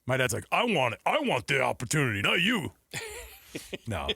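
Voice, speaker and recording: This is a middle-aged sports radio host with a medium-pitched, slightly rough voice and some vocal fry, speaking at a moderate pace. He chats casually and tells stories in a jokey, animated way, recorded on a close studio microphone with no echo.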